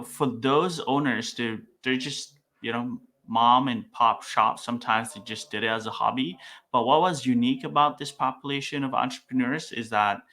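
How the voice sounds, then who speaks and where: With a medium-pitched voice that sounds pushed and bright, a young startup founder from Vietnam talks casually as a podcast guest. He often uses fillers and restarts.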